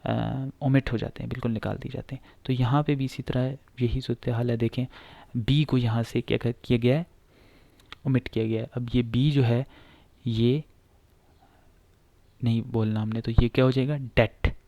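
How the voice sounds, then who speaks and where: A man with a gravelly, middle-pitched voice teaches pronunciation. He explains patiently and says each word again and again, with many filler sounds. His voice is recorded dry, with no room sound. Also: fairly even intonation, moderate pace, mellow, dry recording, lo-fi sound. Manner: frequent filler sounds and "theek hai".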